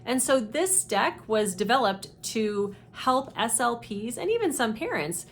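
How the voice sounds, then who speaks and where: A woman speech therapist giving a deliberate, methodical instructional explanation of a teaching method. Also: mid-range voice, a bit bright, slight background noise. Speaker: speech therapist presenting her own teaching deck.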